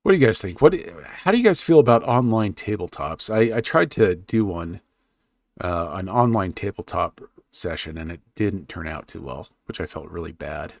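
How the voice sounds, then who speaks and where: Low gravelly man musing over his map. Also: lively intonation, moderate pace, no echo, clean studio sound. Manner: thinks aloud, muttering while he works, then perks up to talk to chat. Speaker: streamer drawing a fantasy map with chat. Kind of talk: casual live-stream chat while working.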